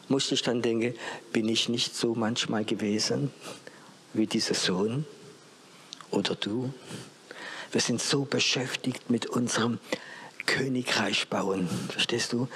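Husky-voiced male preacher telling a story. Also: medium pitch, fairly bright tone. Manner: earnest, halting storytelling with rough grammar and dips into whispers. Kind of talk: storytelling sermon.

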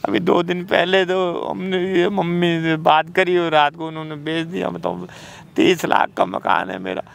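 High, gravelly older man pleading tearfully. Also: normal speed. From Punjab, India. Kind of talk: casual conversation. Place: outdoors in the cold.

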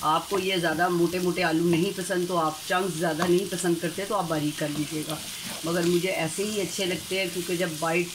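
In her own kitchen, a middle-aged woman runs a cooking tutorial for her channel, guiding viewers step by step in a chatty, homely manner and greeting them warmly as family. Her voice is on the low side, fairly even and a little fast, with frying and stirring making the background noisy.

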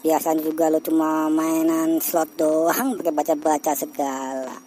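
A woman's voice: low-pitched, little pitch movement, unhurried, warm tone, slight background noise, low-quality recording. A woman voicing a cartoon group of friends in casual, teasing banter with a Jakarta Betawi accent. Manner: teasing, slangy street chat.

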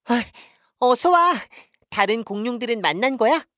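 A woman voicing a small, eager young allosaurus in a children's animated story, with a childlike manner. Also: on the high side, moderate pace, dry recording. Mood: eager, curious.

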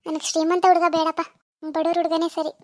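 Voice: very high voice, completely flat delivery, quick pace, a little mellow, no echo. [name], a woman playing a hurt village girl. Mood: reproachful. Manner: reproachful, refusing, bitter. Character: young village woman, hurt and angry at a deceiving lover. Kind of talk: amateur phone-call drama.

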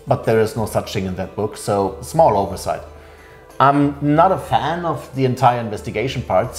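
A man in his thirties co-hosting a game review, critiquing its flaws in a measured way in a small indoor room. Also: fairly low pitch, a little mellow. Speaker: co-host reviewing a game adventure. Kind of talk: casual review chat.

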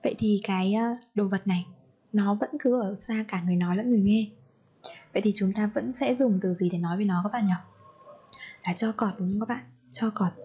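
Woman language teacher, mellow husky voice, patient, repeats examples, quizzes the class. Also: medium pitch. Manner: patient, repeats example sentences slowly, asks learners questions. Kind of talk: grammar lesson for learners.

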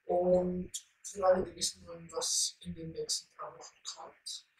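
A young man with an altered voice from a voice changer, chatting casually and haltingly as a gaming YouTuber. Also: high-pitched, little pitch movement, a little mellow. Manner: halting, hesitant delivery. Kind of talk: casual chat over gameplay. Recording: distant roomy mic with faint noise.

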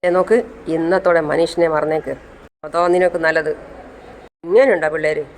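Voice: medium pitch, fairly even intonation, brisk, slight background noise, natural voice, rough recording. A storyteller voicing an angry older man scolding a crying girl. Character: angry stern grandfather figure.

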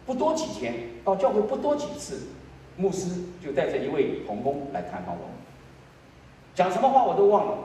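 A man in his sixties, a pastor, giving a sermon with a personal testimony, swinging between hushed low lines and loud, high emotional peaks. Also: a little hiss or hum. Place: church sanctuary. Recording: echoey church hall, voice from far off.

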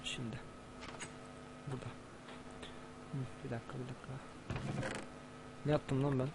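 A man talks through a video game in a casual, excitable way, shouting and swearing when things go wrong. His voice sits at an ordinary middle pitch, with clear hiss and noise underneath. It sounds like a home gaming recording. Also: moderate pace. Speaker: gamer. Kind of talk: casual gameplay commentary.

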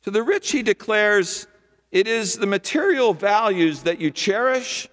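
An older man preaching a sermon from a church pulpit, with rhythmic, repetitive phrasing and emphatic pauses. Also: sits high, animated, a bit bright. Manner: gestures broadly with both hands while preaching. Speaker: pastor. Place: large church sanctuary, at a wooden pulpit. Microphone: pulpit microphone. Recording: long church hall reverb.

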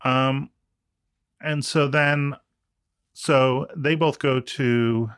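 A man's voice: medium pitch, steady tone, extremely slow, a bit bright, clear, resonant tone, dry recording, studio quality. A man in his forties co-hosting a podcast, chatting casually about a book in a wry, rambling way that keeps interrupting itself. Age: 40s. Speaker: podcast co-host.

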